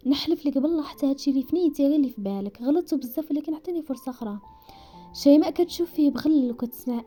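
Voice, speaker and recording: A woman with a Moroccan Darija accent narrating a romance story at speed, voicing the characters' dialogue as she goes. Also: fairly high pitch. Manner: rapid, animated reading that slips into characters' voices.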